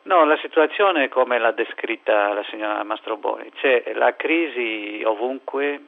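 A man's voice: mid-range voice, a little slow, gravelly. A man with a Greek accent, a non-native speaker who searches for words, being interviewed on the radio over a phone line. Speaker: interview guest reporting from Athens. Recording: thin, tinny phone line.

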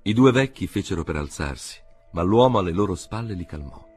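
A man reading a literary audiobook in a measured, expressive narrating voice. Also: low-pitched, husky. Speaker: audiobook reader.

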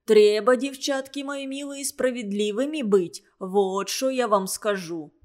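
A woman's voice: fairly high pitch, unhurried, darkish tone, close to an everyday voice. A woman voicing a stern but kind older caretaker in an audiobook, scolding in folksy speech with Ukrainian words. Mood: admonishing. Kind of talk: audiobook character voice.

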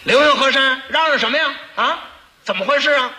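A man's voice: very high-pitched, brisk, bright, forceful tone, pitched above the performer's own voice, exaggerated voice. A man voicing a hot-tempered, portly old prince who blusters and scolds with stammering repeats. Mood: scolding.

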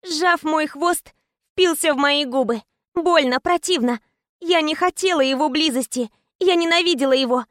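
A woman's voice: high-pitched, moderate pace, a bit bright, no echo, clean studio sound. A woman narrating a tense first-person story as an audiobook reader.

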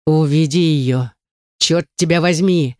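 A fierce, hardened gunman barks short, snarling orders, as a woman narrator puts him on. The tone stays dark and mellow, close and dry with no room sound. It is an audiobook character voice. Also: on the high side, slow, no echo. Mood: angry barked orders. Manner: barked, snarling commands. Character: tough armed man, fierce protector under fire.

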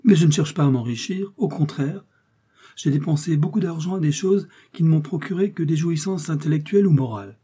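Man doing a passionate young aristocrat, mellow husky voice, pleading storybook read. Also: fairly high pitch, fairly quick, voice pushed up. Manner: ardent, bitter pleading. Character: wealthy young Russian nobleman, ardent and wounded. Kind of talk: audiobook character reading.

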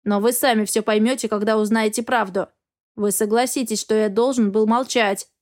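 A woman's voice: fairly high pitch, fairly even intonation, normal speed, a little mellow, close to an everyday voice. A woman voicing a secretive, blunt young man who is a cat-like shapeshifter in an audiobook. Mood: defensive. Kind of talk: audiobook character reading.

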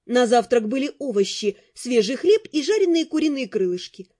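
A woman narrating a fantasy audiobook in first person, with an expressive reading. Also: a little high, moderate pace.

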